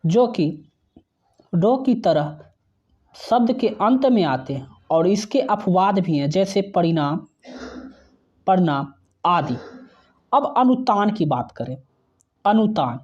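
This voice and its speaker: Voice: mid-range voice, lively intonation, takes it slowly, long pauses, darkish tone, dull audio. A teacher giving an exam-prep grammar lesson, who spells out sounds one by one and often checks in with the viewer.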